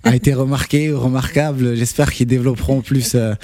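A man actor speaking earnestly in an interview, halting and restarting his sentences. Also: medium pitch, level tone, mellow. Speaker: actor guest. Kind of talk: casual interview talk.

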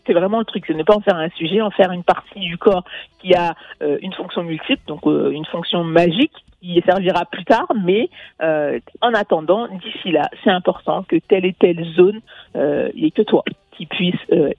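This coach, originally from Mali and brought up in France, gives an earnest radio interview peppered with fillers and restarts. She has a fairly low pitch and a moderate pace. No echo is present, and the dry, phone-quality line has faint music.

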